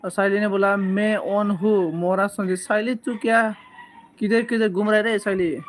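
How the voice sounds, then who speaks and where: On a relaxed live stream, a man whose voice sits high and steady slowly reads viewer comments and jokingly teases the senders, with frequent coughs. There's a little hiss or hum in the audio.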